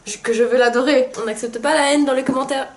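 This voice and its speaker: A woman's voice: high-pitched, steady tone, quick pace, a little hiss or hum. A young woman co-hosting a book video, unwell and chatting casually with lots of hesitations. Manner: chatty, hesitant with many fillers. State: sick. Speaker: book channel co-host. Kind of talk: casual chat.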